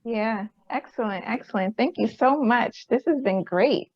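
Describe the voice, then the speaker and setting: A woman interviewing a guest, asking questions in a gentle, prompting, affirming way. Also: a little high, unhurried, highs cut off.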